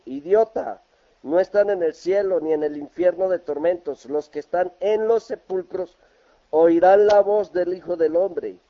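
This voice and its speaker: A man with a Colombian accent who insults his opponent with scorn while quoting scripture in a heated religious rebuttal. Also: high-pitched. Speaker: religious debater in a video reply. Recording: muffled lo-fi clip.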